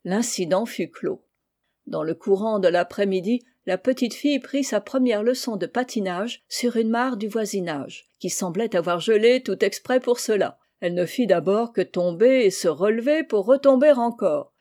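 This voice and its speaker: Woman, audiobook reader, gentle storybook narration, warm mellow tone, medium pitch. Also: animated, normal speed, hardly any pauses.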